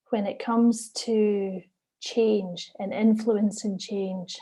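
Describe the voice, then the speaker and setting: A middle-aged woman, giving an earnest, encouraging talk as a senior doctor at a measured pace. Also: mid-range voice, mellow. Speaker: consultant geriatrician giving a talk. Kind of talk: recorded conference presentation.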